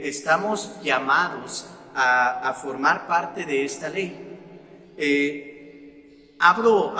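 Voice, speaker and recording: A man with a Mexican Spanish accent, a parish priest giving a sermon-style talk to his congregation, pausing often on fillers and repeating words. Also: fairly high pitch, bright, forceful tone, roomy sound, long reverb tail. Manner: slow and deliberate, with frequent fillers and repeated words.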